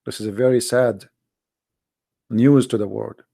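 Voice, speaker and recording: Unhurried and dark in tone, a gravelly-voiced man of medium pitch preaches bluntly to his audience with fairly even intonation in a daily livestream monologue. He is a native Arabic speaker, and the sound is close and dry with no room echo.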